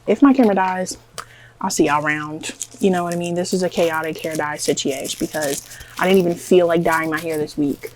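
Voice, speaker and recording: A beauty vlogger from the American South films herself at home while dyeing her hair, chatting to the camera in a rambling, nervous, self-mocking way and saying "like" a lot. Her voice is on the low side, with fairly even intonation and a fairly quick pace. The audio is poor, with a little hiss or hum.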